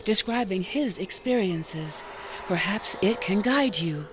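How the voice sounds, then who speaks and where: A woman voicing a calm, gracious female cleric in a video game, with formal, solemn and even speech. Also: mid-range voice, slow, background noise. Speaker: game character.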